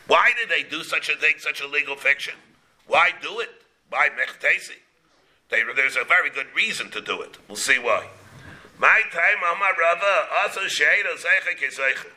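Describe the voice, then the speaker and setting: Bright, forceful man teaching Talmud. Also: on the high side. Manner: question-and-answer explaining in short repeated phrases. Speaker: rabbi teaching a class. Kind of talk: Talmud lesson, reading and explaining.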